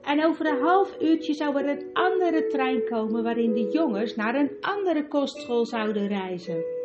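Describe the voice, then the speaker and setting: High-voiced woman reading a storybook. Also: animated, unhurried. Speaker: narrator. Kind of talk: storybook narration. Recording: dull recording with music behind.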